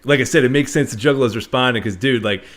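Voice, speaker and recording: A man hosting an interview, relaxed and enthusiastic, using casual slang. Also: mid-range voice, fast talker. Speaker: podcast host.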